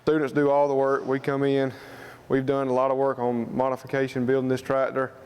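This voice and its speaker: A man's voice: medium pitch, completely flat delivery, brisk, darkish tone, clean tone. A man with a Southern US accent giving an informal interview, explaining things in a plain-spoken, folksy way. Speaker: student club president being interviewed.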